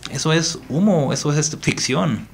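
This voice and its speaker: Speaking at a moderate pace in a fairly high, creaky voice, a male priest guest gives an earnest, reflective podcast interview in a Mexican Spanish accent. He stresses his points by repeating phrases.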